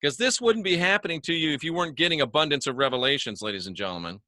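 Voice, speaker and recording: Folksy joking man, bright voice. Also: fairly high pitch, animated, very fast, dry recording, studio quality. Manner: folksy, joking, chuckles at himself, repeats words for emphasis. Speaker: online religious talk host. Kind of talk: casual spoken monologue to viewers. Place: home studio he calls the bunker.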